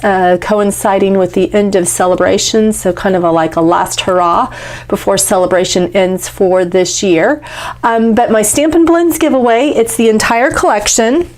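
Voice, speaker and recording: A young woman with a congested, stuffy nose chats casually through a craft tutorial, using lots of fillers. Her medium-pitched voice is a little mellow and moves at normal speed.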